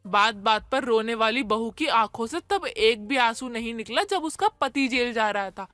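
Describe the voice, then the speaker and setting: A woman's voice: on the high side, moderate pace, fairly bright tone, dry recording, lightly acted. A woman voicing a stern, scolding mother-in-law. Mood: angry. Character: stern mother-in-law, middle-aged woman, easily worn down. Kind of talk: animated storybook voice acting.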